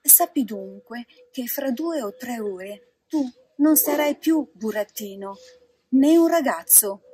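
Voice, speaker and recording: A woman doing a gentle consoling marmot. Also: on the high side, lively intonation, slow pace. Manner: soft, patient, consoling. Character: kindly female marmot, gentle and solemn.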